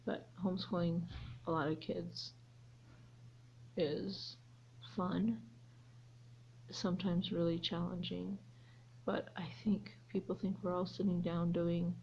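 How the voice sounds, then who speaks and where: A woman's voice: lowish voice, level tone, slow, creaky, a little hiss or hum. A woman who homeschools her children, chatting casually in a vlog, rambling with lots of ums and restarts. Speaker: homeschooling mother vlogger. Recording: slightly dull lo-fi audio.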